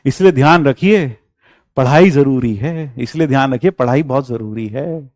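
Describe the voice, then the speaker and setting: A man's voice: mid-range voice, moderate pace, a little mellow, no room sound, studio quality. A middle-aged man, a coaching teacher lecturing students, earnest and fond of repeating his phrases. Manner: teasing sarcasm turning earnest, repeats phrases.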